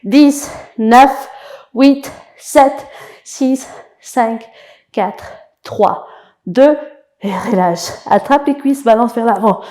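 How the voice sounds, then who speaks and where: A woman leading an abs workout class, counting repetitions and giving short, brisk, encouraging cues. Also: fairly high pitch, warm tone. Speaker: fitness coach. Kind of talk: guided workout instruction.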